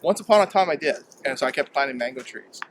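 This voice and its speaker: A home fruit grower from Hawaii chats in a casual interview recorded outdoors in his yard, with background noise audible. His mid-range voice is expressive, and his speech is halting and relaxed, full of repeated words and pauses filled with "um."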